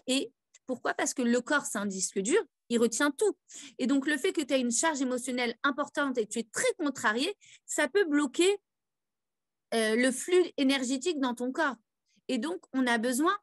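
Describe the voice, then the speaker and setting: A woman guides listeners through tapping rounds in a wellness workshop. She has a somewhat high voice, pauses often and restarts her sentences. The sound is dry and close, with no room echo. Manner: hesitant, many fillers and restarts, coaching tone. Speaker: EFT practitioner.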